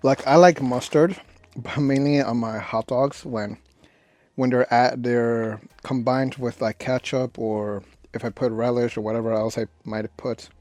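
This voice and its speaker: A man giving a casual, unscripted snack review in a rambling, halting way, often correcting himself. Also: medium pitch, steady tone, darkish tone, no echo. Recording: noisy, clicks and crinkling bag rustle. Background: crinkling snack bags and clicks.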